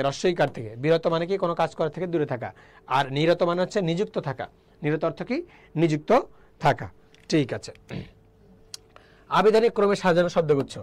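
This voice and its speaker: A man with a Bangladeshi Bengali accent leads a live exam-prep lesson in a voice pitched somewhat high. He quizzes his viewers, says the answers over, and keeps pressing them to comment. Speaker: admission test tutor.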